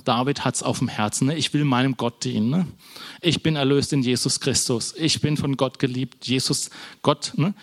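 A man's voice: medium pitch, gravelly. A man preaching an informal sermon in a church hall, talking to the congregation in a casual, conversational way. Almost every phrase ends with a questioning "ne?", and he often stumbles, restarts and corrects himself mid-sentence. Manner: conversational, keeps adding a questioning "ne?"; false starts and self-corrections.

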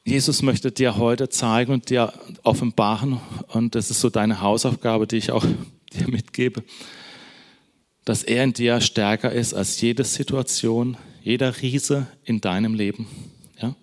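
A man preaches a sermon in an encouraging, conversational style, speaking directly to listeners and tagging many sentences with a quick question. His voice is mid-range and steady in tone.

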